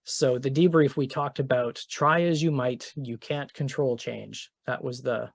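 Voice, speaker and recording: A man's voice: mid-range voice, steady tone, a little slow, gravelly, no echo. A middle-aged man giving a conference keynote, telling a story in a casual, conversational way with many fillers and restarts. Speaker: keynote speaker. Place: conference venue.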